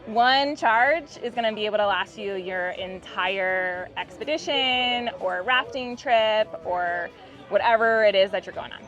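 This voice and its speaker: Speaking unhurriedly with a fairly bright tone and medium pitch, this woman walks listeners through a product on behalf of her company. The interview demo is cheerful, informal and explanatory, and the muffled, band-limited recording has music playing behind it.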